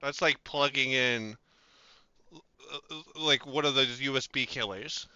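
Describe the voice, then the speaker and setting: A man narrating as dungeon master, animated and laughing often. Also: mid-range voice, a little slow, clean tone, no echo, lo-fi sound. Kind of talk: narrating a tabletop game.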